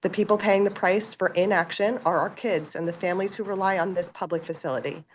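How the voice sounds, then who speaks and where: A woman with a sick, rough voice, dialing in over a video call to read a prepared statement. Her voice is lower than most women's. Her delivery is steady and formal, with faint noise behind her. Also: fairly quick, rough recording. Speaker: parent, public commenter on Zoom.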